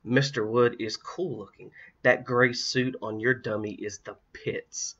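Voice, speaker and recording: Kris, a boastful young twin girl, read by a man, talks in an eager, bragging storybook voice. The tone is bright, and the recording sounds a little dull. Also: mid-range voice, steady tone, unhurried, husky. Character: boastful, competitive twelve-year-old twin girl.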